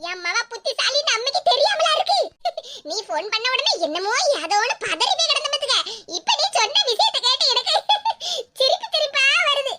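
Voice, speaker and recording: Woman playing a fierce doting cartoon mom, shrill and high, southern Tamil accent, heavy hiss. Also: sing-song, a little fast. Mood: laughing. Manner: loud and protective, calling out. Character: fierce, doting middle-aged mother. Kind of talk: cartoon voice acting. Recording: loud background hiss.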